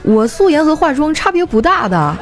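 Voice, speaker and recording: A young woman telling comic stories from her daily life, chatty and quick to laugh. Her voice is fairly high and mellow and moves around a lot. Soft background music runs faintly underneath. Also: sing-song. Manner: chatty, laughing as she talks. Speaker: comedy podcast host. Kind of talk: comic storytelling monologue.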